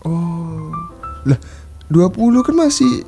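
A young man in his twenties from Yogyakarta, Indonesia, hosts a webcam video call from a small bedroom with posters, playfully teasing strangers and laughing often. His voice is on the high side, sing-song, slow and mellow, with faint music behind him.

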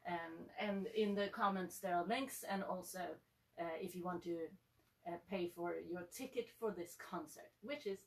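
A woman's voice: on the low side, normal speed. Swedish woman co-hosting, hesitant. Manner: friendly, hesitant with fillers. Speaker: musician and concert co-host. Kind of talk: casual stage chat. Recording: from a distance.

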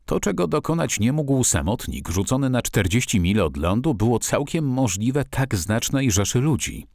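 A man narrating an audiobook in an expressive storytelling reading. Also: medium pitch, moderate pace, gravelly, dry recording, clean studio sound.

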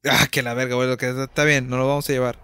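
A man's voice: mid-range voice, level tone, rapid-fire, over music. Mexican man, slangy let's-play chatter. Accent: Mexican Spanish. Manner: slangy, swears freely, laughs often. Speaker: gameplay streamer. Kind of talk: casual let's-play commentary.

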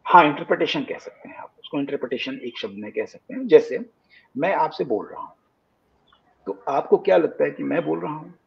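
A man speaking as an interview guest, explaining philosophy in a lecturing way, reciting Sanskrit verses slowly and mixing in English. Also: a little high, lively intonation, vocal fry, muffled recording. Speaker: guest scholar of Indian philosophy.

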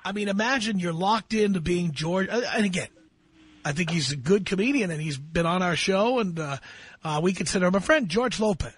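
A man's voice: high voice, expressive, brisk, breathy edge. A man hosting a call-in radio show, giving blunt, lecturing career advice to a caller. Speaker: radio talk show host.

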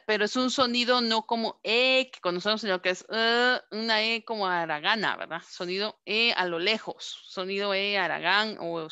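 Bright-voiced Guatemalan teacher, woman. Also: medium pitch, clear, resonant tone, dry recording. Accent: Guatemalan Spanish. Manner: slow, drawn-out modeling of English words; asks and answers her own questions. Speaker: English teacher. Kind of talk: recorded online class lesson.

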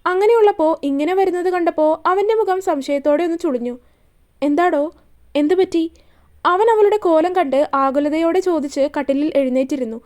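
A woman storyteller reading a serial romance story aloud in a steady, even way. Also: very high-pitched, quick pace.

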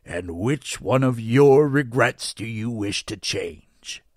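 A man voicing a twisted Santa Claus spirit guide who asks slow, pressing questions. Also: medium pitch, lively intonation, no echo, clean studio sound.

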